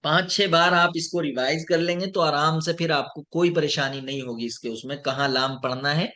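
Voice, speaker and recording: A man teaching an online lesson, slowly drawing out each example word and checking in with his students. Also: a little high, fairly even intonation, pushed and bright. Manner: slow, deliberate, drawing out example words; checks in with students, addressed as sir. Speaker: Arabic teacher.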